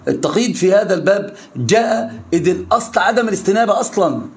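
A man's voice: sits high, animated, quick pace, a little hiss or hum. A man with an Egyptian Arabic accent teaching an interactive religious lesson, pressing his students with repeated questions. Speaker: Islamic scholar teaching students.

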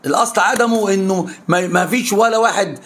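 A man's voice: high voice, fast, a bit bright. A man with an Egyptian Arabic accent teaching an interactive religious lesson, pressing his students with repeated questions. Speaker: Islamic scholar teaching students.

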